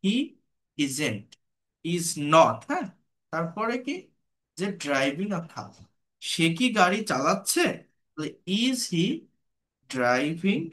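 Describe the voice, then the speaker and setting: A man with a Bengali accent teaching English grammar, speaking slowly and patiently and repeating example sentences. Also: high-pitched, a bit bright. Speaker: English tutor. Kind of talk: spoken grammar lesson.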